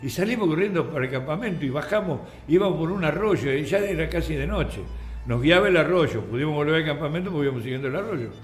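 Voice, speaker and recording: An older man with an Argentine accent, a radio guest telling anecdotes in a lively way and acting out the voices in his stories. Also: fairly high pitch, fast talker. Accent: Argentine Spanish. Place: radio studio. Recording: roomy radio studio with faint music.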